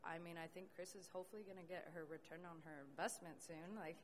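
A woman's voice: lowish voice, fairly even intonation, fast, slight background noise. A young woman, a tile apprentice, speaking earnestly on a panel with many fillers. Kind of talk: casual panel talk.

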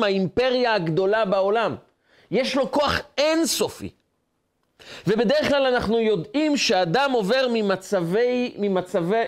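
A man, a rabbi, giving a sermon on the weekly Torah portion, telling the story dramatically in short rhythmic lists. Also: high voice.

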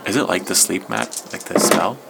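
A man's voice: sits low, normal speed, vocal fry. A man playing in a tabletop game, casually asking questions about the rules. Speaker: player. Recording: very noisy recording.

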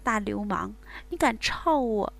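A woman's voice: medium pitch, animated, a little slow, gravelly. A woman doing a breathless, pleading young lover.

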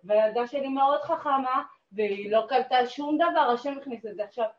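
A woman sharing an emotional personal testimony in a class, dramatic and swinging between hushed and loud. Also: high-pitched. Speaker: class participant. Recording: dull, roomy recording.

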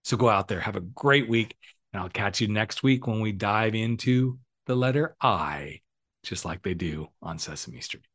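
A man's voice: fairly low pitch, animated, moderate pace, a bit bright. A middle-aged man hosting a solo podcast, telling a coaching story and acting out both sides of the conversation in a casual, frank way with the odd swear word.

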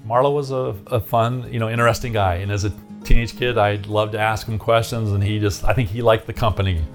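A man from Arizona with a fairly low voice recalls his past in an easygoing way. He rambles, restarting his sentences and leaning on fillers. A faint guitar plays in the background. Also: steady tone, fairly quick. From Arizona, USA. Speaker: interviewee. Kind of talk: casual recollection.

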